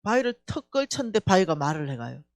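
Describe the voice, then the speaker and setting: Animated Korean woman with Gyeongsang accent. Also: fairly low pitch, fast, no echo, studio quality. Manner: animated storytelling, acting out dialogue. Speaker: church staff member giving testimony. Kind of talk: emotional revival testimony.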